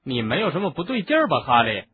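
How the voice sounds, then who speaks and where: A man's voice: medium pitch, sing-song, fast, lightly acted. A man voicing a blunt, worried teenage boy in an audiobook, speaking in a raised, anxious way. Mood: puzzled. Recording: narrow phone-like sound, faint hiss.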